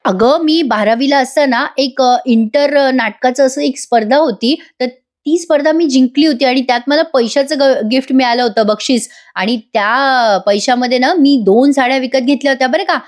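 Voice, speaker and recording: A woman's voice: high-pitched, normal speed, close to an everyday voice. A woman voicing a playful young husband who jokes and coaxes his wife. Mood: teasing. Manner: joking, coaxing.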